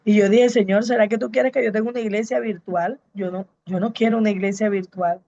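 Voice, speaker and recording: A woman's voice: medium pitch, fairly even intonation, a little fast, warm tone, muffled recording. A woman pastor and evangelist, giving a fervent preaching testimony to a congregation and repeating her key phrases. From Colombia.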